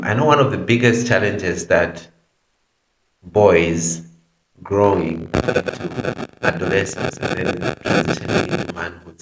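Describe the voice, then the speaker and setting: A man hosting a podcast, asking questions gently and reassuringly, with a few "um"s. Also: low voice. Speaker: podcast host, interviewer. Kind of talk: conversational interviewing. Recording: roomy echoey room.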